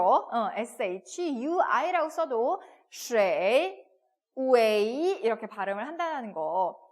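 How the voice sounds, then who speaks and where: A young woman gives a video lesson on pronunciation. Her voice sits fairly high and moves a lot in pitch. She explains things patiently and models each sound clearly, again and again. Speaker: Chinese language teacher.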